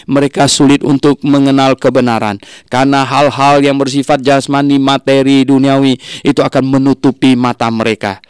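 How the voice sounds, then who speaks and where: A man's voice: a little high, clear, resonant tone, dry recording. A man teaching from the Bible in a sermon, tagging his sentences with "ya" and acting out the voices in the story. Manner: frequent "ya" tags, acts out quoted voices.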